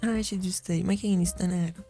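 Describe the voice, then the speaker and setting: A man's voice: high-pitched, steady tone, creaky, music in the background. A young man from Iran putting on a young woman's voice to prank strangers in a video chat, teasing and cheeky.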